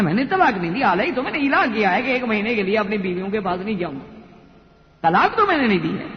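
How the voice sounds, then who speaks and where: A man preaching an Islamic sermon, slowing down to chant Arabic verses and acting out the voices he quotes. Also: high-pitched. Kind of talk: Islamic sermon with Quranic recitation. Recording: echoey hall, dull lo-fi sound, faint noise.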